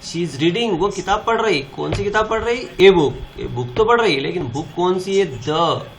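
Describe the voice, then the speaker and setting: A man's voice: sits high, animated, moderate pace, vocal fry. Man teaching, asks and answers himself. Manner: repeats questions and answers them himself. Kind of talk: classroom grammar lesson.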